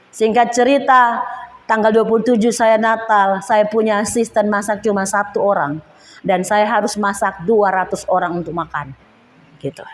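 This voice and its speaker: A woman pastor from Indonesia giving an emotional testimony sermon, swinging between loud pleading and low trailing asides. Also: long reverb tail. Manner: emotional, rising to near shouts when pleading.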